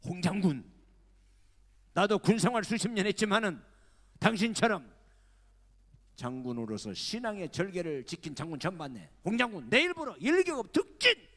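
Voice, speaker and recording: A preacher playing a booming, jubilant president. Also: male voice, very animated, moderate pace, long pauses, fairly bright tone, full character voice. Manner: hearty, booming praise. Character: elated elderly president embracing a general. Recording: echoey church hall.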